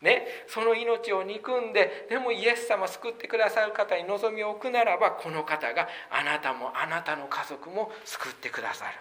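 A male pastor delivers a sermon with a bright, forceful voice pitched a little high. He presses his points emphatically and poses rhetorical questions to the congregation. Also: moderate pace, hardly any pauses.

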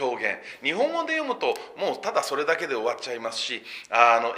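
A man preaching a sermon in a fairly high, bright voice. His pitch swings widely as he leans on key phrases. He explains patiently and poses questions to the congregation before answering them himself. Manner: expressive preaching with sweeping pitch and emphatic phrases. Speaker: pastor.

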